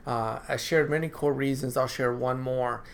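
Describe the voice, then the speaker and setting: Speaking at a normal speed with fairly even intonation and a medium pitch, a man who works as a counselor chats informally to camera from his office. He's conversational, repeats phrases, asks "right?" often, and clears his dry throat.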